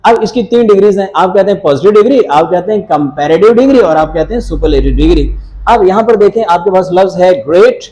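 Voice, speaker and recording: A man's voice: sits high, warm tone, poor audio. A male teacher giving a grammar lecture, explaining step by step, repeating words and mixing in English phrases. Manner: repeats words to drill them.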